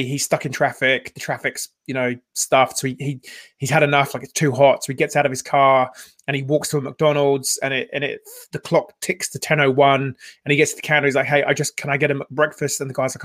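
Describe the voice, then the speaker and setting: A man in his forties hosting a casual podcast conversation, telling stories in a chatty, animated way with many filler words. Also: medium pitch, a little fast. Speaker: podcast host.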